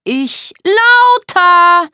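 A woman's voice: sits low, little pitch movement, no room sound, clean studio sound. A woman doing a volatile, menacing boyfriend. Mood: shouting. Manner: slow, menacing, bursts into shouting. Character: controlling, volatile young man, a partner. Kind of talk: audiobook dialogue.

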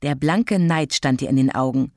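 A woman reading a children's story aloud in a clear, expressive way. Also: very deep voice, normal speed, dry recording, studio quality. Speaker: narrator.

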